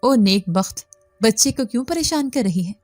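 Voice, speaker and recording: Woman reading as a fussy worried husband, blunt and urgent, warm mellow tone, dry close sound. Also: fairly high pitch, expressive, dry recording, soft background music. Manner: scolding, urgent questions.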